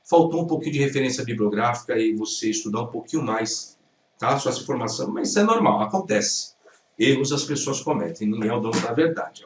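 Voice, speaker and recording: A man's voice: mid-range voice, slight background noise. Brazilian male teacher, corrective lecture tone, heard from a distance in a roomy space. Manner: didactic, corrective, repeats pronunciations. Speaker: Hebrew teacher reacting to a video. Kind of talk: critical lecture commentary.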